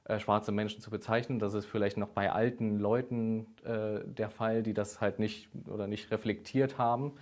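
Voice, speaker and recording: Young interviewer, low flat voice, hesitant. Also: male voice, moderate pace, few pauses. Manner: hesitant, many filler sounds. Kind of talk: interview questions.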